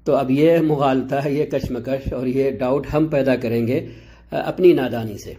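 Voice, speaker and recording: A man teaching Arabic pronunciation in a slow, measured lesson, pausing often and repeating key letters. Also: mid-range voice, fairly even intonation, dark tone, slight background noise. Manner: slow and measured, with frequent drawn-out pauses and repetition; clears his throat now and then. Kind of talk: explanatory lesson.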